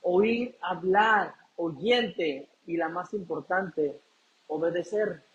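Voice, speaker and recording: A man with a high voice delivers a sermon from the pulpit. He keeps asking the congregation questions and answering them himself. The recording sounds dull and muffled. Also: very slow, a bit bright. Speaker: pastor.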